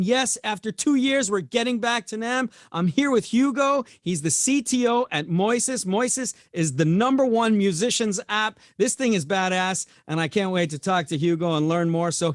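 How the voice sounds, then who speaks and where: A man hosts a business podcast with an upbeat, promo-style delivery. His voice sits high for a man. The sound is dry and close, with little room around it. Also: fairly bright tone, no echo. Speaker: podcast host. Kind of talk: podcast interview.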